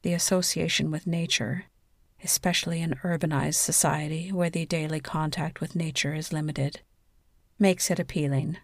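A woman narrating a scripted sleep story in a soothing, measured bedtime delivery. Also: deep voice, dry recording, studio quality.

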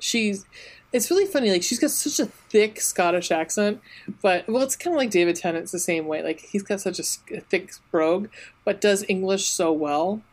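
A woman's voice: medium pitch, moderate pace. A woman co-hosting a podcast in casual chat, gushing and rambling with restarts, swearing freely. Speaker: podcast co-host.

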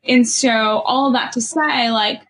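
A young adult woman from Ethiopia, speaking with a California Valley girl accent, reflects candidly as a guest in a personal conversation. Her voice is a little high and fairly bright, she talks slowly, and "like" and "you know" fill her speech.

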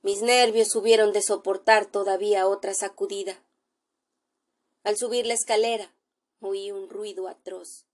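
A woman reading a classic short story aloud as narrator, in a measured storytelling manner with dramatic pauses. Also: medium pitch, level tone, darkish tone.

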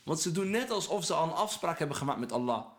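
A man's voice: on the high side, big pitch swings, quick pace. Earnest man preaching patience in casual talk. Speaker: guest speaker on Islam. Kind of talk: casual podcast conversation, preaching tone.

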